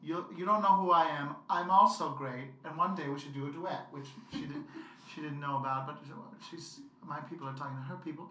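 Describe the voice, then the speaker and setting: A woman guest in a casual interview, playful and laughing, who acts out quotes loudly. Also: low-pitched, a little fast, slight background noise. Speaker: guest performer. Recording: echoey room from far off.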